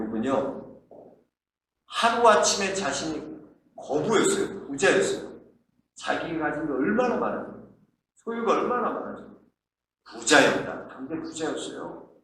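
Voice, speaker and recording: A male pastor preaching a Sunday sermon, asking rhetorical questions and swinging between hushed and loud emphasis. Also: a little high. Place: church sanctuary. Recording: very echoey church sanctuary with faint hiss.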